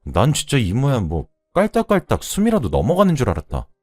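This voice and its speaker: A man's voice: medium pitch, huge pitch swings, fairly quick, darkish tone, no room sound, voice pushed up. A man voicing a cheerful young woman, a niece, who chatters playfully and pleads with her aunt. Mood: playful, pleading.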